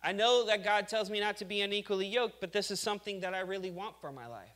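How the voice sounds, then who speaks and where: A male pastor with a high, slightly bright voice preaches quickly in a conversational style, acting out the complainers and other people he describes.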